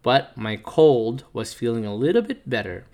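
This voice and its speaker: Lively dad reading a storybook aloud. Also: male voice, mid-range voice, normal speed. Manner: playful storyteller voicing the wolf narrator, chatting with his child between pages. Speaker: father reading to his child. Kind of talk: reading a picture book aloud.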